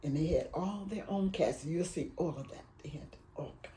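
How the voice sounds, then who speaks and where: A woman in her eighties from Alabama, raised in Detroit, telling her life story in an oral history interview, rambling and halting with emotion. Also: sits low, mellow, slight background noise, low-quality recording. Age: 80s.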